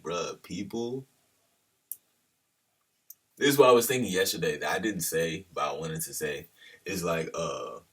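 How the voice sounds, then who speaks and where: A man's voice: deep voice, breathy edge, far from the mic. A man talking casually to the camera in a loose, slangy monologue that drifts off on tangents. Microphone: camera held at a distance.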